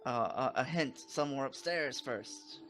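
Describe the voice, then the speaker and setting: A man with a mid-range voice talks through his moves in a tabletop game. He is casual and halting, feeling for the right word. Soft music plays in the background. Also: mid-range voice.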